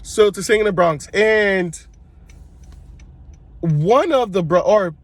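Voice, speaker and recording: A congested man, his voice sitting a little high for a man. He tells personal stories to his viewers in a loose, chatty way and often corrects himself mid-sentence. He speaks as a church worship singer looking back on his life. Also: takes it slowly, dry recording. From Brooklyn, New York. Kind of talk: casual personal storytelling to camera.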